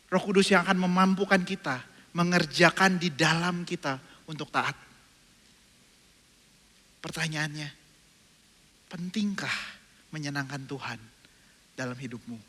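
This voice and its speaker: A man's voice: on the high side, measured pace, long pauses, pushed and bright. A man preaching a sermon as a pastor, asking the congregation questions and answering them himself, and acting out his own prayers in shifting voices. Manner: acts out his own prayers and inner dialogue, switching voices. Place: church sanctuary. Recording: reverberant hall with faint music.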